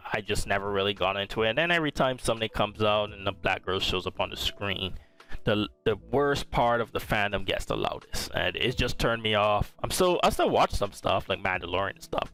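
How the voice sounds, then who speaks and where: Young male podcast host, low and smooth, rambling casual review chat, faint music under him. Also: fairly bright tone. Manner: rambling, easygoing, often restarts his sentences.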